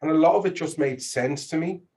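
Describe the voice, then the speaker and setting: A middle-aged man with a Dublin Irish accent, talking casually as an interview guest in an informal, halting way, as if thinking aloud. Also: fairly high pitch, mellow. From Dublin, Ireland.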